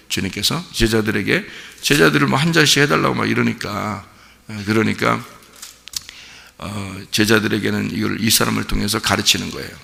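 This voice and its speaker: Male pastor, deep gravelly voice, chatty sermon full of questions, long church-hall reverb. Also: sharp tone. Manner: conversational, keeps asking the congregation questions. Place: church sanctuary.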